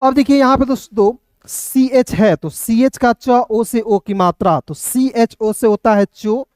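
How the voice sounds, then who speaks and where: An online teacher giving a reading lesson, spelling words out letter by letter and then reading each one slowly. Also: mid-range voice, darkish tone, dry recording, studio quality. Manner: keeps addressing viewers as friends, asks and answers own questions.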